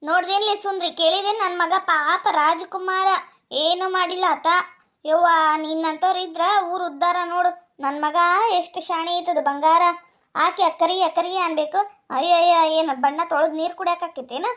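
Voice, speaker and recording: A woman's voice: very high voice, fairly even intonation, moderate pace, fairly bright tone. Woman playing Ratni, quarrelsome village mother. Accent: North Karnataka Kannada. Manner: scolding, bickering village talk. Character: sharp-tongued village mother Ratni, doting on son.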